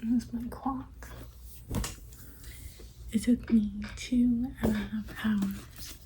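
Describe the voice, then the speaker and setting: A woman's voice: on the high side, steady tone, drawn-out words, dark tone, slight background noise, rough recording. A woman in her twenties whispering a late-night vlog check-in, chatty and loose, her speech a little off from a retainer. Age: 20s. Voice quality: slightly off speech from a dental retainer. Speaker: book vlogger.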